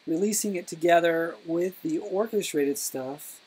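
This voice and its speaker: A woman co-hosting a casual live question-and-answer chat, talking slowly and haltingly, trailing off while she types. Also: on the low side, darkish tone, husky, low-quality recording. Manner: slow, halting, often trailing off while typing. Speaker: co-host of a live Q&A.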